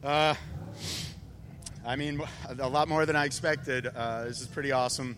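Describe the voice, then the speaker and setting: A man, a winning racing driver, giving a post-race interview in an upbeat, halting way. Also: mid-range voice, steady tone, noisy background.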